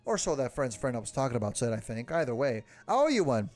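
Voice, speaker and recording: A man's voice: medium pitch, sing-song, fast, darkish tone, soft background music, lightly acted. A man reading game dialogue aloud, voicing a lovesick, nervous young male village guard who keeps blurting things and covering them up. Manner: flustered, blurting then covering up.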